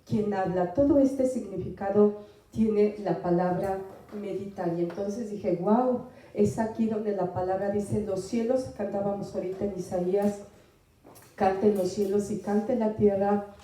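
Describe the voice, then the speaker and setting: A woman's voice: medium pitch, fairly even intonation, dark tone. Female preacher with a strained throat, heard from afar in a very echoey hall. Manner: pausing often with fillers, asking the congregation questions. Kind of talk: sermon. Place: church hall. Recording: echoey hall, voice from far off the mic.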